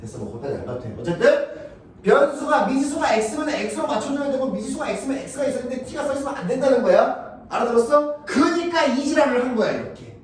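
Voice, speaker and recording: A male math teacher lectures with a lively, swooping voice, rough and full of crude words, always asking whether the students are following. He is recorded from far off in a very echoey classroom. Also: very high-pitched, a little fast. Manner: blunt, crude and profane, keeps checking if students follow.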